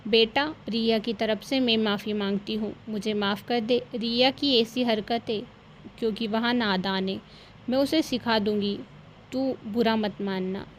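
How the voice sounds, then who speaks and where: A woman voicing a kind, patient middle-aged mother-in-law who advises gently in a cartoon story. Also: on the high side, fairly even intonation, a little slow, slight background noise, lightly acted. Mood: gentle.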